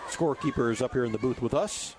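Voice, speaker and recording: A man doing live high school football play-by-play as the announcer. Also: fast talker. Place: stadium press booth.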